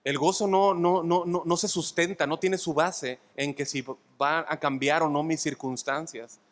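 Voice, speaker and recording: A man's voice: a little high, fairly even intonation, measured pace. A man with a Mexican accent, a pastor giving an expository sermon, often checking in with the congregation and repeating his points for emphasis. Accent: Mexican Spanish. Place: church sanctuary. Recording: long hall reverb.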